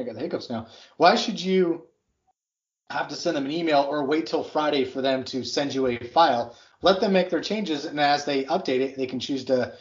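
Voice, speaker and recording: A man co-hosting a podcast, chatting casually and enthusiastically about construction software, with plenty of fillers. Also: fairly high pitch. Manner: rambling, filler-heavy, enthusiastic. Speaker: podcast co-host. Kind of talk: casual tech chat. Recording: slightly dull lo-fi audio.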